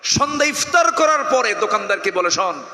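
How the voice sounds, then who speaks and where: A man from Bangladesh preaching a humorous sermon to a crowd, teasing the audience with questions, moving from quiet asides to loud exclamations. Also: high voice, very animated, moderate pace, roomy sound, in a large hall.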